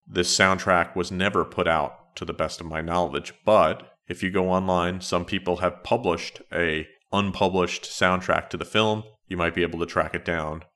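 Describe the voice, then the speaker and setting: A middle-aged man hosting a solo retro podcast in a measured, conversational, matter-of-fact way. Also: low-pitched, fairly even intonation, pushed and bright. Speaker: podcast host.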